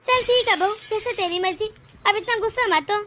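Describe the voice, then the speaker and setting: A woman's voice: extremely high pitch, fairly quick, pushed and bright, slight background noise. A woman voicing an old, bossy mother-in-law in a cartoon, giving orders and scolding. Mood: commanding. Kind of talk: cartoon voice acting.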